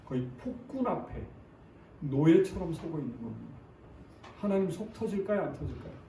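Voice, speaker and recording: Male preacher, sermon, asks the congregation questions, slightly high voice, far from the mic, echoey church. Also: very animated, normal speed, warm tone, a little hiss or hum. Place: church sanctuary. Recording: echoey church recorded from a distance.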